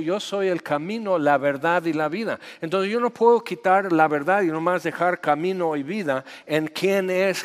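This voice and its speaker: A man's voice: a little high, in a large hall. A man from the United States with an American accent, preaching a direct, conversational sermon in Spanish as a pastor and acting out quoted dialogue.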